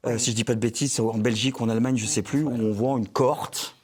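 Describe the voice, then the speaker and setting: A man guesting on a TV talk show as a film director, speaking in a halting way, restarting and repeating his words. His voice sits at an ordinary middle pitch for a man. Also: fairly even intonation, darkish tone.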